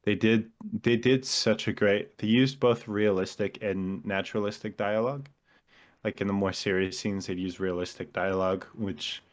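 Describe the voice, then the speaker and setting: Podcast co-host, male, lowish voice, chatty and analytical, goes on at length about craft. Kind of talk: casual chat.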